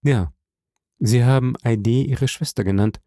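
A man reading aloud plays a grave older nobleman who speaks in a solemn, measured way. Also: mid-range voice, warm tone, no echo, clean studio sound, lightly acted.

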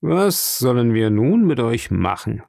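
A gruff captain of a small sailing boat, skeptical and brisk, weighing up a stranger in a storybook reading, as a man voices him. The voice is dark and gravelly. It is recorded close, with no room sound. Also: mid-range voice, sing-song, no echo. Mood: questioning. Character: doubtful, gruff male ship's master. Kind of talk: audiobook reading.

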